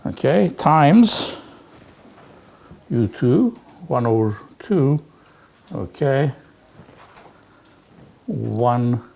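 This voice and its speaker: A man lecturing on physics, working through exercises aloud in a halting way and peppering his talk with "okay" and "right". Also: medium pitch, gravelly, warm tone, breathy edge. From Turkey. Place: lecture hall.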